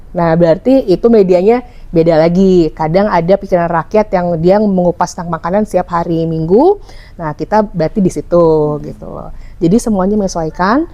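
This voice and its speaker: Brief: young Sundanese-accented woman, mellow tone, chatty and explanatory, slightly dull recording. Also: lowish voice. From West Java, Indonesia. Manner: chatty, explanatory, frequent fillers. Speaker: hotel public relations officer. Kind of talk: conversational podcast interview.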